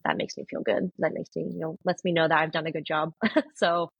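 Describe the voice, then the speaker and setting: Chatty husky-voiced woman nurse. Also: deep voice, steady tone, brisk, dry recording, muffled recording. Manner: chatty storyteller, many fillers. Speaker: oncology nurse guest. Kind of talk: casual podcast chat.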